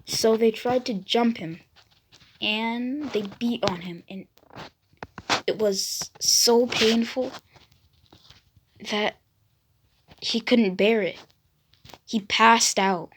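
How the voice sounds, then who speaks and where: A woman's voice: on the high side, very slow, pauses often, noisy background. A woman casually narrating a fan story, hesitant, with fillers and restarts.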